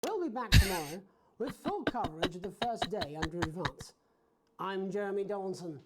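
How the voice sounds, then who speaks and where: A man's voice: sits high, animated, normal speed, heavy background noise. An actor playing a male news anchor with a British accent, signing off the evening news. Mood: polished. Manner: polished, dry anchor delivery.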